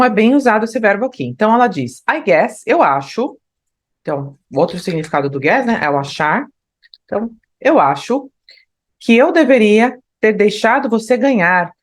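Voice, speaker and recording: Teaching an online English class in a mid-range voice, a Brazilian Portuguese–accented woman walks through explanations one step at a time. She frequently tags phrases with "né?" and slows her pace when reading lyrics aloud.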